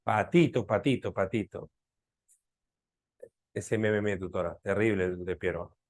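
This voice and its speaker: A deep, steady voice at a measured pace: a Peruvian man leading a live language class, ribbing his students and repeatedly asking whether they follow.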